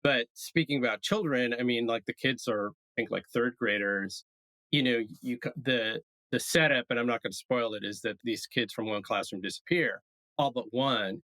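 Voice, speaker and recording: Casting: male podcast co-host, bright tone, dry close mic, easy chat. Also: medium pitch, moderate pace, dry recording, rough recording. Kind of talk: casual chat. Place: New York City.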